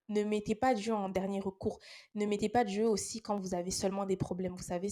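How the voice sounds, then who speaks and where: Despite a head cold, a young woman with a mid-range, dark-toned voice hosts a casual podcast about faith. She addresses her listeners earnestly and encouragingly.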